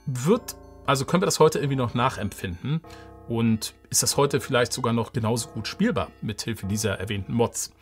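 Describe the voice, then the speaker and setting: Ein Mann, der locker und laut denkend ein Spiel im Livestream kommentiert, mit vielen Ähs. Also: male voice, medium pitch, brisk, soft background music. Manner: chatty, hesitant fillers, thinking aloud. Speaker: let's player, livestream host. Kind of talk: casual live gameplay commentary.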